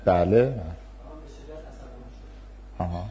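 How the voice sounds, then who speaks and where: A male university lecturer giving a class, calmly acting out patient, empathetic replies to a student. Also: sits low. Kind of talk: class lecture with role-play demonstrations.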